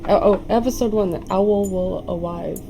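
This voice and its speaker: A woman hosting a let's play, switching between excited, casual, sweary reactions and reading the story aloud, with soft, mispronounced R's. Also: mid-range voice, moderate pace, vocal fry. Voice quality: non-rhotic speech impediment, soft R's. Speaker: gaming host. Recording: loud music behind. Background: game music.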